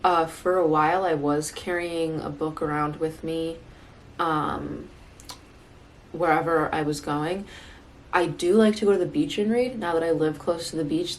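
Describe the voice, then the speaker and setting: Young female vlogger, lower pitch, loose rambling delivery, slight background hiss. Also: low-quality recording. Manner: rambling, filler-heavy, self-correcting. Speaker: booktube vlogger. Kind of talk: casual tag video chat.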